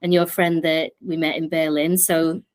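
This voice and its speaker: A woman's voice: low voice, little pitch movement, normal speed. A woman hosting an interview podcast, chatty and enthusiastic as she introduces her guest. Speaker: podcast host.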